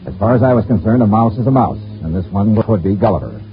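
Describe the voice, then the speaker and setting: A man's voice: fairly low pitch, lively intonation, fast talker, soft background music, natural voice. An actor playing a wry male insurance investigator who narrates his own case in an old radio detective drama. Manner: wry, dry, hardboiled narration. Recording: tinny scratchy old radio broadcast.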